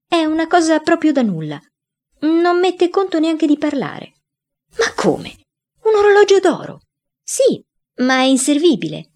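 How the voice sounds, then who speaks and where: A woman's voice: high voice, sing-song, measured pace, a little mellow, voice pushed up, exaggerated voice. A woman voicing a mischievous young boy who pleads and whines to excuse himself in a read-aloud story. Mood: pleading. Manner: whiny, pleading.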